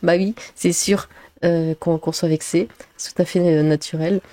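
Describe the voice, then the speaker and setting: A woman streamer giving casual commentary, filling pauses with 'euh', laughing and making sarcastic remarks as she reads out comments. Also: fairly low pitch, steady tone, dark tone, dry recording.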